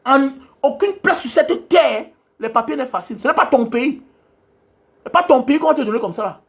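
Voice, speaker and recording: Angry high-voiced man ranting. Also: expressive, moderate pace, fairly bright tone. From Cameroon. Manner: angry, scolding, repetitive hammering of points. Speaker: travel vlogger. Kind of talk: ranting monologue to viewers.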